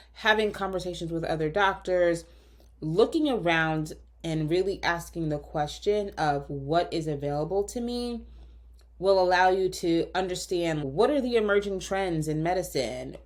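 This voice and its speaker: A woman physician hosting a solo podcast, talking earnestly and directly to listeners, slightly hoarse from a lingering cough. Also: fairly low pitch. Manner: earnest, coaching, direct address.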